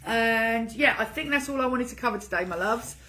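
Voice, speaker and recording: A woman with a very bright, fairly high voice speaks as a coach to her online group. She talks casually, as on a livestream, in an informal pep-talk manner, pressing her points with repetition. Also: brisk, slight background noise.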